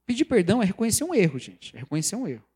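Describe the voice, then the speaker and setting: A man preaching a sermon, lively and conversational, acting out the quoted voices of people he talks about. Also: high-pitched, rapid-fire, husky. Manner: animated, acts out quoted voices, mocking examples. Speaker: pastor or preacher.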